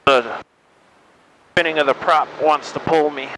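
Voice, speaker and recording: A man's voice: a little high, steady tone, a little slow, pushed and bright, rough recording. A man piloting a small plane, making air traffic control radio calls and talking casually to himself. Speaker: pilot narrating his solo flight. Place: inside a small airplane. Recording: faint cockpit engine noise.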